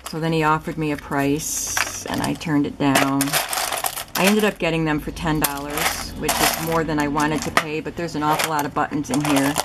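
A woman's voice: low voice, little pitch movement, normal speed, heavy background noise. An older woman and grandmother chatting casually through her flea market haul, rambling and a bit tired from lack of sleep. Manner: chatty, meandering, yawning.

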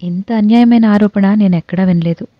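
A woman reading an audio novel, voicing a calm young man who speaks in a low, quiet, measured way. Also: no echo, lightly acted. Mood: reserved. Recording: dull dry recording.

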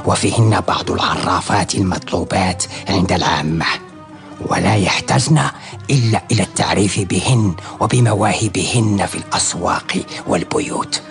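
A man playing an authoritative master's henchman, giving instructions in measured, formal historical radio drama speech. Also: deep voice, gravelly. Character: authoritative male henchman relaying his master's orders. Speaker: actor in a historical radio serial.

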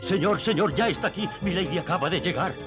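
A man's voice: high-pitched, fast talker, over loud music, natural voice. An actor voicing a cowardly, fawning male servant henchman in a dubbed cartoon, pleading and servile.

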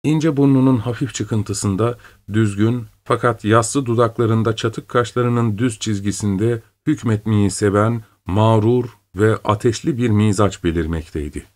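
A man narrating an audiobook in a measured, deliberate way. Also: fairly low pitch, a little mellow. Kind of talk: scripted narration.

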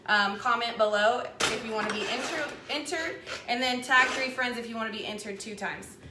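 A woman with a voice on the high side talks at normal speed while hosting a live cooking demo in her home kitchen, rambling and chatting as she cooks. The camera mic sits at a distance across the counter, catching echo and background noise.

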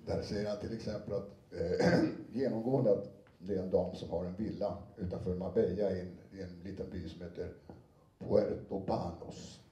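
A man with a very dark, mellow, fairly low voice talks to a live audience about reading books aloud. He is chatty, with many fillers and restarts. He sounds distant from the mic, in a roomy, echoing hall. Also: fairly even intonation. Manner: conversational, many fillers and restarts, briefly acts out quotes. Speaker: audiobook narrator giving a talk. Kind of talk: anecdotal talk to an audience. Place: lecture room with an audience.

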